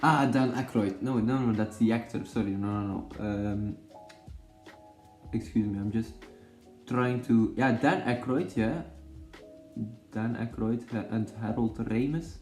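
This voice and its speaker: With a fairly low, slightly mellow voice and a measured pace, a young Belgian man whose mother tongue is Dutch chats about movies for his vlog. He rambles, restarts, corrects himself and cracks jokes. The audio is reverberant, with faint music behind.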